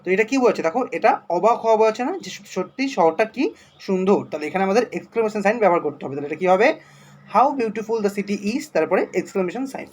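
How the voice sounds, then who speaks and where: A man with a Bengali accent teaching a primary school English lesson, reading English examples slowly and then explaining them in Bengali. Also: sits high, expressive, darkish tone.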